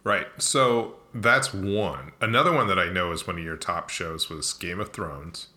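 A man's voice: deep voice, a little slow, bright, forceful tone. A man in casual conversation who tells stories and asks questions. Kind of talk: casual chat.

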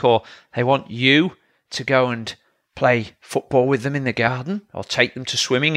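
Man, podcast coach, lecturing monologue, bright tone, dry recording. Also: medium pitch, dry recording. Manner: plain-spoken, lecturing, asks rhetorical checks.

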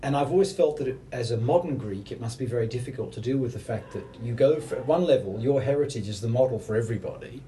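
A middle-aged man interviewing in an academic setting, speaking in an erudite, professorial way with long, measured sentences. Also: mid-range voice, animated, dark tone. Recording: distant mic with faint background noise.

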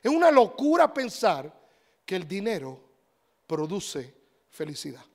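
A man preaching a sermon, animated and talking straight to his listeners, swinging between loud and hushed. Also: high voice, measured pace.

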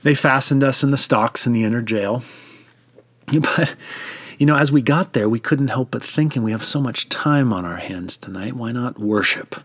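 A cheerful, unshaken male apostle who laughs while telling of hardship, voiced by a male preacher. His voice sits in a middle pitch and stays relaxed. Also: normal speed, dry recording, lightly acted.

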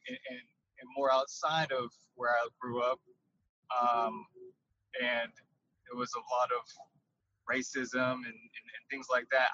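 A man speaking as a podcast guest from inside his truck, his voice carrying a windy, tunnel-like sound. He talks haltingly and often repeats words while he thinks. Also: mid-range voice, bright, forceful tone. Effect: windy, tunnel-like truck-cab sound. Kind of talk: casual interview over a call. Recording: muffled windy truck-cab recording.

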